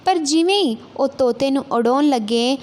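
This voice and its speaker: A woman with a high, light voice narrating a moral tale, steady and clear with some emphasis. Her telling has the measured rhythm of a devotional storyteller.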